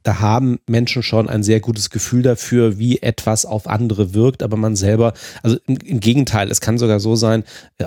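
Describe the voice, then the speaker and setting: A man's voice: fairly low pitch, dark tone, no room sound, clean studio sound. A man co-hosting a casual discussion stream, explaining thoughtfully with many fillers and restarts while answering chat questions.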